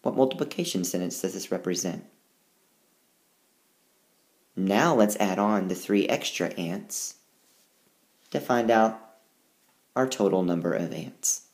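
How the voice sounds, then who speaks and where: Reading a rhyming picture book in a slow, sing-song voice full of lively pitch, a male teacher explains the math behind it in a voice-over recorded on a tablet screencast.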